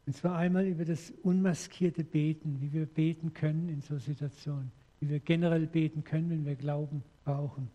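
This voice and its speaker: A man's voice: a little high, steady tone, a little fast, few pauses, muffled recording. An older man, a pastor, preaching an earnest and emotional sermon and often quoting prayers aloud.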